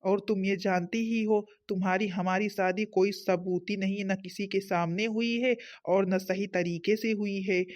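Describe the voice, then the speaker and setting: An actor voicing a young cartoon husband who calmly soothes and instructs his wife. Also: medium pitch, unhurried, few pauses, lightly acted. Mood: coaxing. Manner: soothing, lecturing. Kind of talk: cartoon story voice acting.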